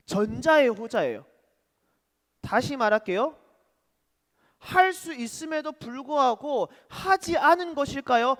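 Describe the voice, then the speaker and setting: Youth preacher, man, lively up-and-down voice, rhetorical questions, echoey church. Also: very high-pitched. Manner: asks rhetorical questions, dramatic shifts in loudness. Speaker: preacher to teenagers. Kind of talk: youth sermon.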